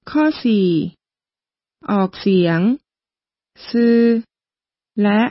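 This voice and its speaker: A woman's voice: slow, no room sound, highs cut off. A woman teaching pronunciation in a polite, patient, step-by-step manner, reading a scripted lesson. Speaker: language teacher. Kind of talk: scripted instructional narration.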